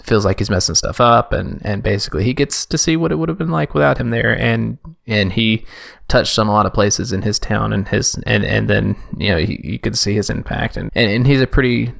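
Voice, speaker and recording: Male podcast co-host, gravelly low voice, casual rambling chat full of restarts. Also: a bit bright. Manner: rambling, halting, many restarts.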